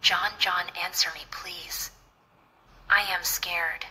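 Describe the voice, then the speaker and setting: A woman's voice: lowish voice, fairly even intonation, slow, bright, forceful tone, heavily acted, low-quality recording. A woman voicing a frightened young woman driving alone at night, asking pleading, panicky questions.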